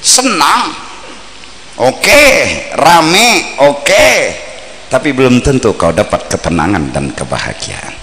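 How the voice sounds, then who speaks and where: A man with a Banjar accent preaching a mosque sermon, swinging between playful shouts and low earnest asides, heard on an old worn tape recording. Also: very animated, slow pace, vocal fry, big-room sound, a little hiss or hum.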